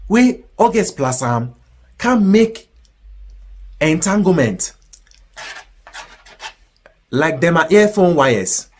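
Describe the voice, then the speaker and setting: A man in his thirties with a Ghanaian accent presenting mock-serious, deadpan comic news commentary in Pidgin. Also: on the high side, slow, long pauses.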